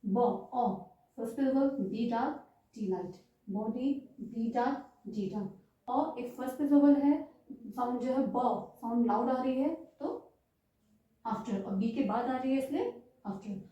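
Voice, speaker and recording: A high-voiced woman explains stenography marks slowly, step by step, drawing out the vowels she demonstrates. The recording sounds distant and dull, as if made from across a very echoey room. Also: warm tone. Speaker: stenography teacher. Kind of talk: slow step-by-step lesson, mixing English terms. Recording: roomy, distant, muffled sound.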